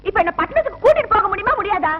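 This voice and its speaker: A woman's voice: very high-pitched, sing-song, racing. An actress playing a young village wife who nags her husband to take her to the city. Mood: nagging. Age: young adult. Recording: dull old film soundtrack with faint music.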